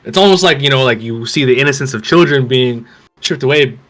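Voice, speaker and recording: A man's voice: mid-range voice, brisk, a bit bright. A man hosting a podcast, chatting enthusiastically and casually, calling his co-host "bro". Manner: enthusiastic, many fillers and restarts, says "bro". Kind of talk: casual chat.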